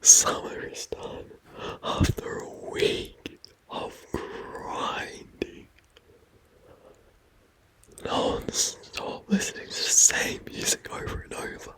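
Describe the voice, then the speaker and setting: A man in whispered gaming commentary, hushed and excited late at night. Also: slow pace. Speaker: gaming video creator.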